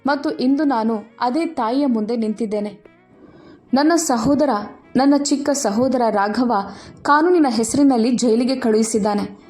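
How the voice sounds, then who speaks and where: A woman voicing a solemn male judge who speaks in a grave, measured way. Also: a little high, a little mellow, soft background music, natural voice. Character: grown man, a solemn judge.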